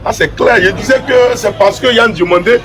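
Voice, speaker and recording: A man's voice: high-pitched, brisk, crowd noise, poor audio. A man giving rambling football commentary, losing words and going off on asides. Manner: rambling, loses words, digressive. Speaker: football pundit. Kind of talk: casual debate commentary. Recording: music bed behind voice.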